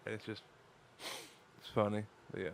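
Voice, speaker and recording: A man's voice: fairly low pitch, monotone, a little slow, vocal fry, no room sound. A tired man with a lisp co-hosting a casual live-streamed podcast, joking around and swearing freely. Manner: crude, profane, joking. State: tired from lack of sleep. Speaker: podcast co-host.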